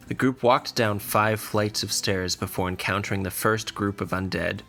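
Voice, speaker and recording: Narrating a scripted fantasy adventure for a podcast, a man speaks in measured, purposeful sentences. His voice is low-pitched with a gravelly, creaky texture and a fairly bright tone.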